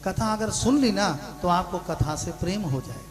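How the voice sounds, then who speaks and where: A man with a high voice preaches to his listeners and tells a parable, now hushed, now raising his voice for the big lines. Music plays clearly behind him. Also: lively intonation, moderate pace. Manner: shifts between hushed storytelling and loud shouted punchlines. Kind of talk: sermon storytelling with acted dialogue.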